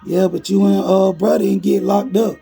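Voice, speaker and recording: A man's voice: sits high, flat delivery, moderate pace, vocal fry, mellow, faint music behind, voice pushed up. A man quoting a blunt street business partner. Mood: accusing. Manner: blunt, aggressive, cursing. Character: suspicious young male street business partner.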